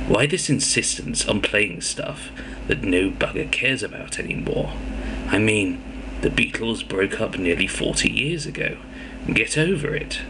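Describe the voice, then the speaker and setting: A man's voice: lowish voice, expressive, unhurried, background noise. A man playing a cranky old-fashioned listener who phones in blunt, grumbling complaints to a radio show. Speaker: prank caller. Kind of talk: comedy radio sketch.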